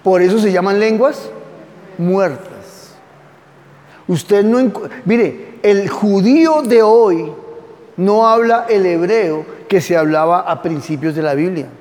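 A man's voice: high-pitched, takes it slowly, a little mellow, big-room sound. A man teaching a Bible class, reading from notes and often asking his listeners questions. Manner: conversational, asks the audience questions; reads aloud from notes and comments. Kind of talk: classroom lecture.

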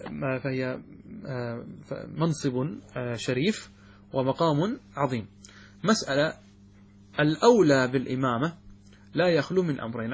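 A man's voice: on the high side, slight background noise. A man teaching a classical religious text to students, explaining it point by point, often repeating words and checking whether his students have understood. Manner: asks students check questions, repeats words, restarts phrases. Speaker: sheikh teaching fiqh.

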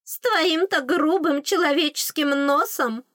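A woman voicing a small, cheeky female tooth fairy with a squeaky, teasing, excitable voice in an audiobook. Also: a little slow, no room sound, studio quality, full character voice. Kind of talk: audiobook character voice.

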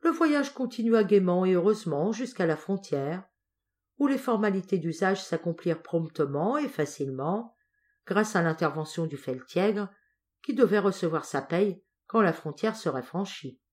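A woman narrating an audiobook of a classic novel in a measured, expressive reading. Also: lowish voice. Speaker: audiobook reader.

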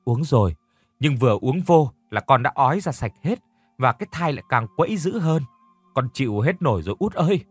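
A man's voice: mid-range voice, sing-song, a little fast, breathy edge, dry recording, soft background music. A man voicing a frightened young pregnant woman who pleads through tears. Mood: pleading. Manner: pleading, tearful.

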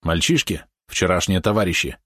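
A man reading a historical story aloud in a steady storytelling manner. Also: low-pitched, normal speed, slightly rough, no echo, clean studio sound. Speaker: narrator. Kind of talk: audiobook narration.

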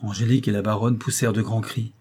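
A man narrating a classic tale as an audiobook in a steady storytelling manner. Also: on the low side, quick pace, breathy edge.

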